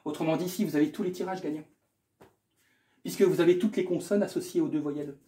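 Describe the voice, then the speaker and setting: Casual French-speaking math tutor, mellow and echoey. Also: male voice, fairly high pitch, fairly even intonation, fast talker. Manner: thinks aloud, repeats himself, casual asides. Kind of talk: explaining a math exam correction.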